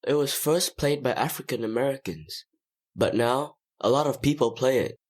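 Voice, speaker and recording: An American schoolboy, very deep. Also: female voice, normal speed, darkish tone. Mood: matter-of-fact. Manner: plain, simple answers. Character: friendly American schoolboy telling about his banjo. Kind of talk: scripted textbook audio dialogue.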